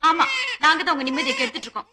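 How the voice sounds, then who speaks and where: A woman's voice: high-pitched, very fast, background noise, lightly acted. An actress playing a young woman in a big household who fires back sarcastic retorts. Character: sharp-tongued young woman in a large household.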